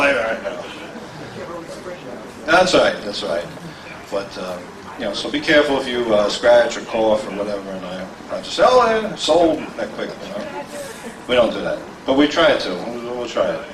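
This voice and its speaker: Brief: middle-aged male auctioneer, wisecracking, fast bid calls, recorded from far off in a reverberant hall with faint noise. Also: on the low side, expressive. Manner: joking, self-deprecating banter with the crowd; rapid bid calling. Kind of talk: live auction calling. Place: large convention hall with a crowd.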